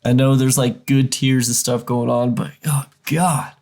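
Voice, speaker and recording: Gravelly-voiced man rambling in reaction chat. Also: medium pitch, level tone, measured pace, darkish tone. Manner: rambling, many "like"s and restarts. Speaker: reaction channel co-host.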